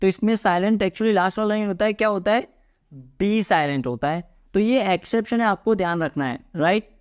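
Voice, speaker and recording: A young man with an Indian accent teaching a lively lesson, asking his viewers rhetorical questions and calling them guys. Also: high voice, a little fast, clear, resonant tone. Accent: Indian English. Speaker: English teacher. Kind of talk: classroom lesson.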